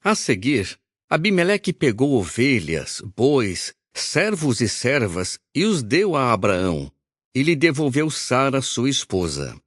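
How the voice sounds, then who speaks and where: Male narrator, Bible audio reading, measured and solemn, lively pitch, dry close sound. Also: dry recording.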